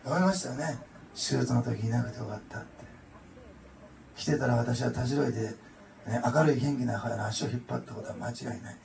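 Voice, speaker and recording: A pastor gives a sincere, emotional testimony from the pulpit, frequently appending "ne" to his lines. His medium-pitched voice is brisk and gravelly yet a little mellow. The recording has room echo, a far mic and background noise.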